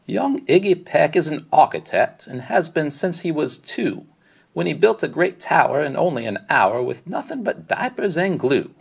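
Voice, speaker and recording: A man narrates a rhyming children's book with very animated intonation. His voice sits fairly high and has a husky, slightly creaky grain. The delivery is rhythmic and dramatic. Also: normal speed. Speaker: storybook reader. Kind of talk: expressive children's read-aloud narration.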